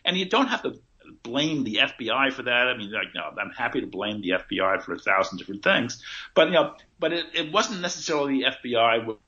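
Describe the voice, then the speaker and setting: A man speaking as a guest over a thin, metallic-sounding remote call connection, talking haltingly with lots of restarts and repeated fillers. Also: medium pitch, sing-song, pushed and bright. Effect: tinny, metallic-sounding call connection. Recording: tinny lo-fi remote call line.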